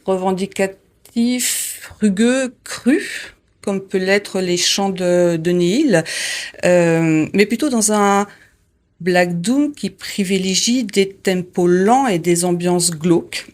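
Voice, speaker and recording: A woman's voice: mid-range voice, slow pace, a little mellow. A woman interviewing a band, speaking casually with many hesitations and fillers. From France.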